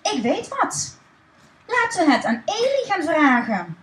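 A woman's voice: very high-pitched, huge pitch swings, unhurried, fairly bright tone, reverberant, pitched above the performer's own voice, heavily acted, rough recording. A woman voicing a thoughtful, earnest boy villager. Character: thoughtful young male wooden villager.

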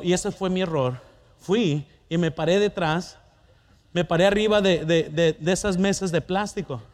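A middle-aged man preaching a sermon, telling a personal story and asking the congregation questions. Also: sits high.

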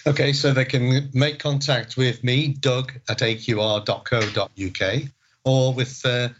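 A man's voice: mid-range voice, steady tone, unhurried, a bit bright, slight background noise. A man speaking conversationally as an expert guest in an interview. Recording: dull lo-fi audio.

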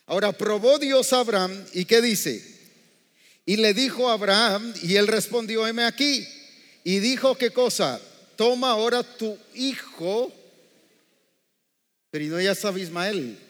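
A man's voice: sits high, moderate pace, a bit bright. A male preacher delivering a sermon in a church, often quizzing the congregation with rhetorical questions. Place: church hall. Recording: echoey hall reverb.

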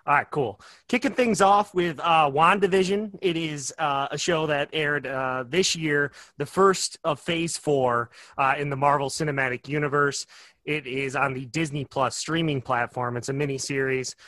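Man, podcast host, bright tone, upbeat, chatty with fillers, dry close sound. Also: a little high, moderate pace, no room sound. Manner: upbeat, sing-song greeting, loose with fillers. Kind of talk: casual podcast chat.

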